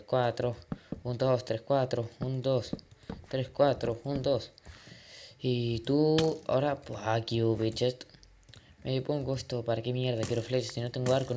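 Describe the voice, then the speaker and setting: A man giving casual gameplay commentary as a gaming channel host, excitable and jumping from mumbled asides to loud outbursts, sprinkling in English exclamations and swearing. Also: mid-range voice, slight background noise.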